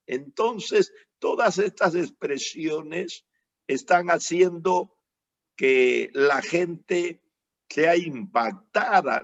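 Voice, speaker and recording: A man's voice: fairly high pitch, gravelly, lo-fi sound. A man preaching a Bible teaching sermon as an evangelist. He explains patiently and often tags his points with rhetorical questions.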